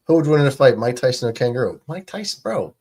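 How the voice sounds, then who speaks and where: A man's voice: mid-range voice, fast, slightly rough. Laughing man telling a rambling story. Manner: animated, laughing storyteller acting out scenes. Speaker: watch party co-host. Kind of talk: casual storytelling chat.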